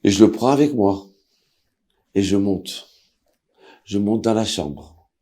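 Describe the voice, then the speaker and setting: A man, a rabbi, telling a story aloud with drama, acting out the people in it and swinging from hushed to loud. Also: lowish voice, slow pace. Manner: dramatic, voices characters with big swings in loudness. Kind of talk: emotional spoken storytelling.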